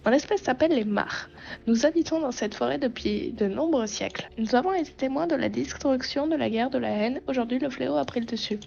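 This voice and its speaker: A woman doing a squeaky little forest creature. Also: a little fast, vocal fry, a little mellow, lo-fi sound. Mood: solemn. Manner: squeaky high put-on voice. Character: small timid male forest creature. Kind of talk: reading game dialogue aloud.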